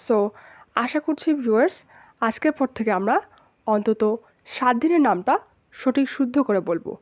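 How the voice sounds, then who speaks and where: A woman's voice: a little high, expressive, normal speed, a little mellow, no echo. A young woman teaching English pronunciation, drilling each word with emphatic repetition and mixing English phrases into her Bengali speech. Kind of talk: slow, deliberate language lesson.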